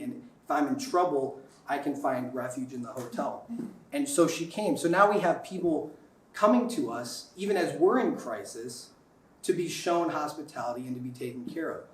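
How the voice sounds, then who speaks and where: A man's voice: fairly high pitch, a little mellow. A man giving a keynote speech to students, telling a story in an earnest, reflective way and often restarting his sentences. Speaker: keynote speaker. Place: lecture room. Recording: echoey room from far off.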